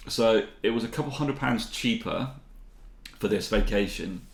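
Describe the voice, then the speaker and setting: A man's voice: lowish voice, unhurried, echoey room. A man in his forties from the UK, co-hosting a podcast in casual chat, rambling with restarts and fillers. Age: 40s. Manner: rambling, many restarts and ums. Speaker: podcast co-host.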